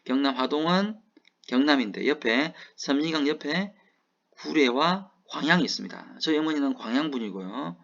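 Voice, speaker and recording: In this dull, lo-fi lecture recording, a middle-aged man from South Gyeongsang speaks with a Gyeongsang Korean accent. As a professor, he keeps asking rhetorical questions and then answering them. His rather high, slightly bright voice is animated and shows vocal fry, moving at a moderate pace.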